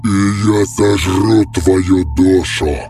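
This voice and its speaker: A man's voice: steady tone, very slow, darkish tone, soft background music. A man voicing a demon that possesses a boy, in a distorted, layered demonic voice, snarling threats. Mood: raging threats. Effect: demonic layered voice, deep and distorted. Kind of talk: audiobook character voice.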